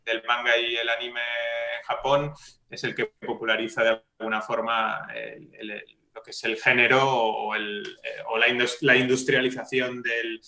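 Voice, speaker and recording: A man on a debate panel explaining history in a lecturing way, with many pauses and restarts. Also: medium pitch, little pitch movement, creaky, bright, forceful tone. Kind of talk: casual panel discussion. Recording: echoey room.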